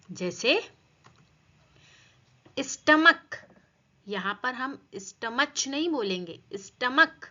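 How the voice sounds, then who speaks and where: Female grammar teacher, unhurried, quizzing pupils; muffled lo-fi recording. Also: mid-range voice, sharp tone. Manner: asks and answers her own questions, addresses students as children. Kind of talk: classroom grammar lesson.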